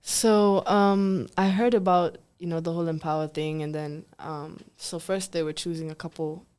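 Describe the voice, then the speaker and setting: With a fairly low, smooth voice at normal speed, a young singer from Kenya talks casually as an interview guest. Relaxed and laughing frequently between words, she leans on fillers such as "like" and "um".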